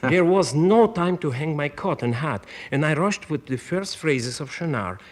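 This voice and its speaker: An older man, an opera singer, telling a story about a rehearsal with lively acted-out quotes, on an old radio broadcast. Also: fairly high pitch, measured pace. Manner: animated storyteller acting out quotes. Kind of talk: storytelling reminiscence. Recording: 1960s radio broadcast transfer.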